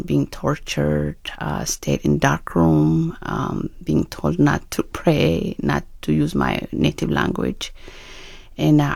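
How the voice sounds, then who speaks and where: A woman from Ethiopia in her fifties with an Ethiopian accent, a radio interview guest who speaks in a measured, hesitant way with many pauses. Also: deep voice, vocal fry, darkish tone, dry recording, clean studio sound. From Ethiopia (Oromia). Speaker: guest, author and nonprofit founder.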